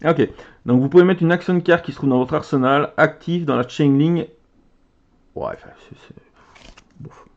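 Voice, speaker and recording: A man from Belgium chatting casually as he opens trading cards, excitable and chatty, reading card names aloud. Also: on the high side, moderate pace, pauses often, dull audio. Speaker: card game content creator. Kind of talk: casual card-opening commentary.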